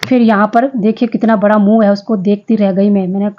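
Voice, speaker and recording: A woman's voice: medium pitch, fairly even intonation, brisk, muffled recording. A woman in her fifties narrating her home vlog in a chatty, homely way, speaking straight to her viewers. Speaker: vlogger. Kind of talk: casual vlog voice-over narration.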